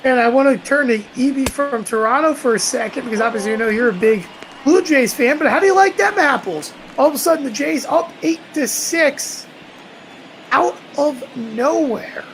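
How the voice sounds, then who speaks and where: A woman's voice: high voice, moderate pace, slight background noise, rough recording. A woman doing emphatic, conversational play-by-play baseball commentary on a live stream.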